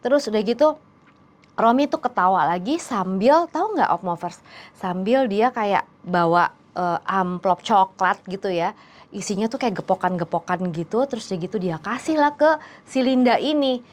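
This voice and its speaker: A woman's voice: medium pitch, lively intonation, moderate pace. A woman narrating a dramatic story in a casual, chatty way, talking directly to her listeners. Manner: chatty, addresses listeners directly, many fillers.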